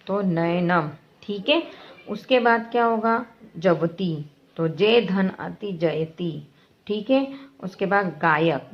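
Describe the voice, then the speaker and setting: Slow, patient woman teacher. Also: medium pitch. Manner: patient, repeats examples, keeps checking understanding. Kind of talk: classroom grammar lesson. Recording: dull lo-fi recording.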